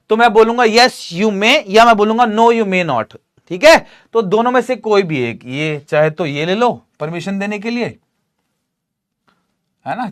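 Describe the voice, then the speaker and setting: A man teaching a grammar lesson in a lively, joking way, often asking his students questions. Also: high-pitched.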